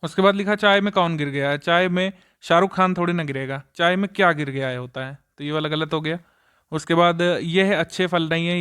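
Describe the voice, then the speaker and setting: A male teacher works through exam questions in a patient walkthrough, explaining why each option is right or wrong. His voice is smooth and resonant, sitting slightly higher than most men's. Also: a bit bright.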